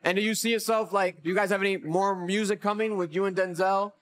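A young man with a notably high voice hosts a podcast interview. His phrasing is casual and slangy, with frequent words of agreement, spoken into a studio-style microphone in a small room. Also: steady tone, quick pace, a bit bright. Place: small indoor room with couches. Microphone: podcast microphone on boom arm.

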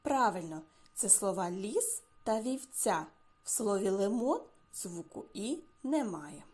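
A woman teaching a speech lesson to preschool children, saying each word slowly and clearly and repeating it. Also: mid-range voice, big pitch swings, darkish tone. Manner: slow, clearly articulated words, repeated for children. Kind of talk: slow lesson for small children.

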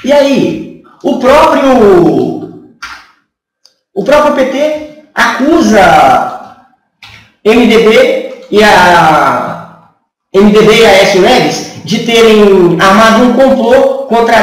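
A man's voice: very high voice, distant mic. Brazilian man in his thirties, vlogger, rhetorical and sarcastic, recorded off-mic in an echoey room. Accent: Brazilian Portuguese. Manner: rhetorical, sarcastic, asks many questions. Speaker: channel host. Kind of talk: political opinion monologue. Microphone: camera from a few feet away.

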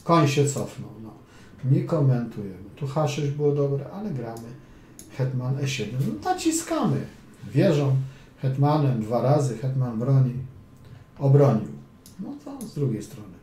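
A man with a mellow, sing-song, mid-range voice coaches chess while playing through a game at a measured pace. His casual commentary is chatty and playful, full of quips and muttering. The room sounds roomy and echoey with a faint hum.

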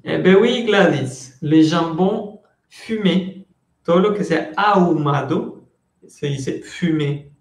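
Slow, patient male French teacher. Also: on the high side, reverberant. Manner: slow, patient, repeats words to drill pronunciation; switches between Spanish and French, addresses students by name. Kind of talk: online language class, explaining French to Spanish speakers.

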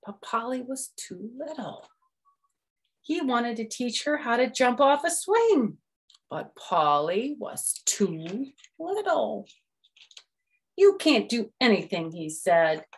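In a small room at home, a middle-aged woman hosts storytime, reading a picture book aloud and adding simple explanations for young children. Her voice is a little high and husky, with big pitch swings and a slow pace.

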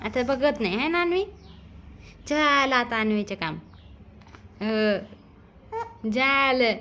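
A woman's voice: fairly high pitch, slow, bright, forceful tone. A young woman, a mother, talking baby talk to her infant in a coaxing, sing-song way and imitating baby speech. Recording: clear background noise.

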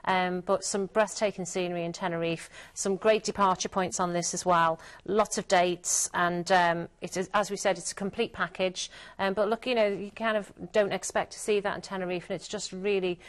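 A woman co-hosts a televised travel sales show. She chats through destinations casually, with ums and little asides. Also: lowish voice. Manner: chatty, frequent agreeing murmurs. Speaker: TV shopping co-host. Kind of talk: sales presentation.

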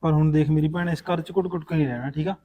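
A man's voice: fairly high pitch, fairly even intonation, racing, mellow, slight background noise, lightly acted. A man acting an elder brother who asks his widowed sister to forgive him and reassures her. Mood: apologetic. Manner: earnest, pleading, reassuring. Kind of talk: amateur village short-film acting.

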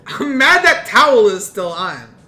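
A young man giving loud, profane, excitable commentary while playing a game. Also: extremely high pitch, unhurried. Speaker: gaming youtuber. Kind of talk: let's play commentary.

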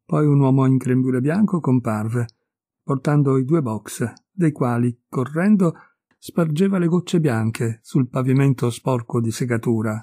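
A man reading a short story aloud in a measured storytelling cadence. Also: mid-range voice, dark tone, no echo, studio quality. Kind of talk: audiobook reading.

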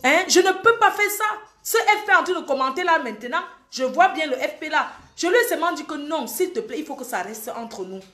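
A woman's voice: high voice, animated, brisk, few pauses, pushed and bright, roomy sound, faint music behind. A young woman from Cameroon hosting a live stream, talking hard and repeating her warnings to the people watching. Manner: scolding, emphatic, repeats warnings. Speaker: social media live host. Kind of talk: heated live-stream monologue.

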